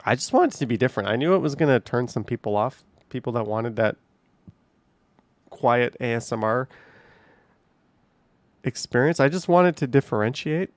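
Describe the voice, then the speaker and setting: Streaming casually from home, a Canadian host with an animated, mid-range voice reads chat and talks loosely with viewers at a moderate pace, pausing often. There's no echo, and he's rambling, easygoing, and laughs easily.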